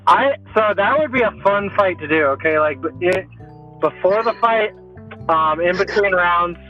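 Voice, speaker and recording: Here the podcast host's high voice has lively intonation and a measured pace as he bro-ishly riffs on sports, often repeating himself in slang. He's calling in remotely, and the phone line sounds tinny with faint music behind it.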